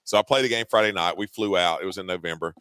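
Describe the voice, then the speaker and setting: A man's voice: sits low, fast talker, fairly bright tone, clear, resonant tone, no echo. A man in his forties with a Georgia Southern accent, telling a folksy story on a sports talk show with lots of laughing. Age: 40s. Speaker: co-host.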